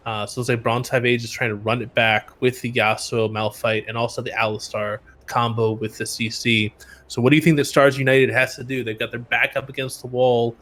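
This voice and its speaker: A man's voice: medium pitch, level tone, brisk, a bit bright. A man casting an amateur esports final, explaining drafts steadily while his voice tires. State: voice tiring. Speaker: esports caster. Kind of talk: play-by-play casting.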